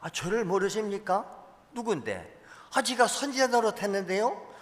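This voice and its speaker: A man's voice: sits high, animated, moderate pace, a bit bright, pitched above the performer's own voice. A man voicing an anxious person insisting he should be recognized at judgment, in a reverberant church. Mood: pleading. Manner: pleading, insistent.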